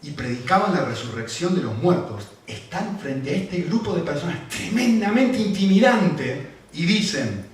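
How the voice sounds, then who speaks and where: A man preaching a sermon as pastor, animated and full of rhetorical questions, then soft when he tells personal stories. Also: a little high, normal speed. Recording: echoey hall, distant mic, faint noise.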